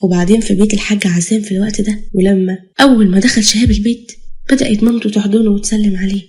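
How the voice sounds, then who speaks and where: A woman storyteller with an Egyptian accent, narrating a drama in a brisk, dramatic way. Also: medium pitch, fairly even intonation, mellow.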